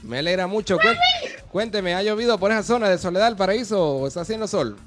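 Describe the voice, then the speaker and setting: Honduran male radio host, high voice, chatty call-in manner. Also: fast talker, loud music behind the voice. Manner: friendly, chatty, greets callers warmly. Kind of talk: live radio call-in chat.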